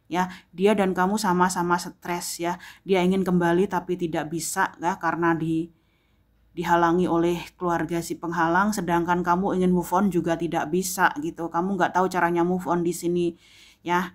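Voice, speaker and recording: A woman giving a casual tarot reading to the viewer, rambling and repeating herself, with many filler words. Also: fairly low pitch. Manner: rambling, repetitive, fills gaps with "ya" and "gitu loh". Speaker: tarot reader.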